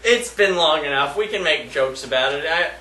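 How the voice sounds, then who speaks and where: High, bright-voiced man cracking jokes. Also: lively intonation, normal speed, a little hiss or hum. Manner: wisecracking, reads news stories aloud. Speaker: show host. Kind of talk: casual comedic banter. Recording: echoey room.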